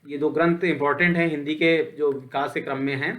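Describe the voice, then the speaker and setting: Casual, fairly high-voiced male teacher. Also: steady tone, brisk, fairly bright tone. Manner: conversational, repeats points with "ठीक है"; poses questions then answers them. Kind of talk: online lecture.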